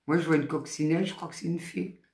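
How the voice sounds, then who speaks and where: A woman in her fifties with a Southern French accent gives a casual spiritual card reading. She chats and exclaims, then reads each card's text slowly aloud. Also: low voice, steady tone, a little mellow. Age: 50s. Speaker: oracle card reader. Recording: echoey room.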